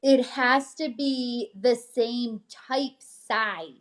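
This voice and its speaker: Her voice is a little high and steady, and she speaks very slowly. A realtor co-hosting, she reads newsletter news items and chats about them in an upbeat, relaxed manner.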